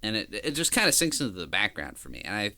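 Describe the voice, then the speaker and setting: A man's voice: lowish voice, huge pitch swings, fast, background noise. A man chatting casually on a podcast about a classic album, with hesitant restarts. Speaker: podcast co-host.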